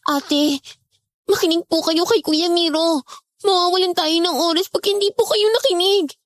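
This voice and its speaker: A woman voicing a polite young girl who urgently and gently pleads for trust. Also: very high-pitched, fairly even intonation, normal speed, dry recording, studio quality. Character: polite earnest young girl, one of twins.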